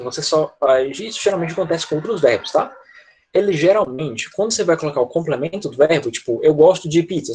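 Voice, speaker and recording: With a Brazilian Portuguese accent, a man teaches an English grammar class, patiently repeating "tá?" and "né?" to make sure his students are following. His voice is fairly high, darkish and husky, and the audio quality is poor.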